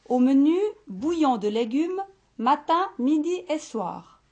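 A woman's voice: sits high, very animated, slow pace, darkish tone, lo-fi sound, voice pushed up, heavily acted. Woman doing a pompous storybook doctor. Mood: prescribing. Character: fussy male doctor, calm and prescribing.

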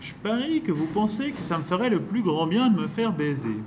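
A man voicing a bitter, scornful woman left by her husband, who speaks in a sharp, mocking, accusing way. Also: on the low side, lively intonation, brisk, noisy background, voice pushed up, close to an everyday voice.

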